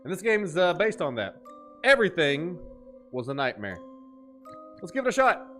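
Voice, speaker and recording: A high-pitched man in his thirties hosts a live gaming stream with loud, jokey hype. He greets chat by name and now and then drops into a deep mock-spooky voice. Soft music plays faintly behind him. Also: sing-song, normal speed. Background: faint game music.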